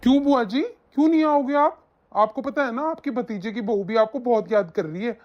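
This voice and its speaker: A caring young nephew in a cartoon story, as a woman voices him, coaxing and insistent. Fairly high voice, dull lo-fi sound. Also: moderate pace, natural voice. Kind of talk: animated story voice acting.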